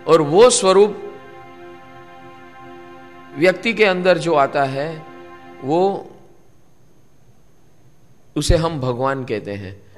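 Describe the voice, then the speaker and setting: A man's voice: on the high side, lively intonation, drawn-out words, pauses often, soft background music. A man giving a spiritual discourse to a live gathering, repeating key words and putting questions to his listeners. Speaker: spiritual teacher. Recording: long hall reverb.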